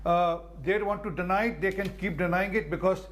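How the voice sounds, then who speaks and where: High-voiced Indian man, emphatic and halting. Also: a little hiss or hum. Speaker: party spokesperson, debate panellist. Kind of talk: spontaneous political TV debate.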